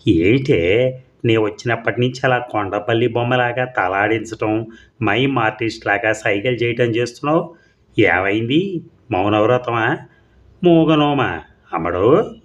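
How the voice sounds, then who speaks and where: A man voicing a loud, nosy older aunt who is hard of hearing and scolds and teases as she asks questions. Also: mid-range voice, normal speed, distant mic, highs cut off, close to an everyday voice.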